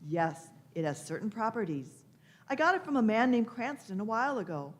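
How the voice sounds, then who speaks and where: A woman's voice: a little high, sing-song, fairly quick. A woman playing an imperious, eccentric elderly time-traveller in a radio play, fussy and theatrical, repeating her phrases. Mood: brisk, explanatory. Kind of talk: live staged radio play.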